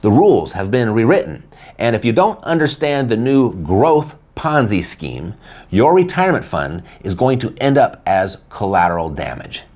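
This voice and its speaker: A man's voice: fairly low pitch, sing-song, normal speed, darkish tone. A man hosting a scripted video essay, narrating in a sardonic, dramatic and emphatic manner. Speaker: host.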